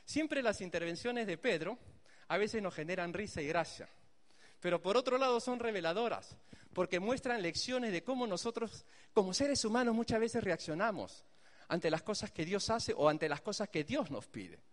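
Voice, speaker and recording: A male pastor delivers an emphatic sermon in a high, lively voice, speaking straight to his listeners. The voice rings out with a long echo in a hall. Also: moderate pace. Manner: animated, emphatic, addresses the congregation directly.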